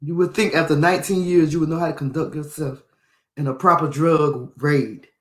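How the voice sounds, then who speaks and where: A man's voice: on the high side, fairly even intonation, moderate pace, a bit bright. Indignant man reading news, echoey room. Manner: indignant, repeats phrases for emphasis. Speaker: podcast host. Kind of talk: reading and commenting on a news article.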